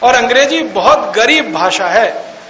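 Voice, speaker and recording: A man's voice: extremely high pitch, expressive, measured pace, pushed and bright. A man giving a mocking, argumentative public talk, full of rhetorical questions and words spelled out letter by letter. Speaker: public speaker. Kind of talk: lecture to an audience. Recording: echoey hall, faint hiss.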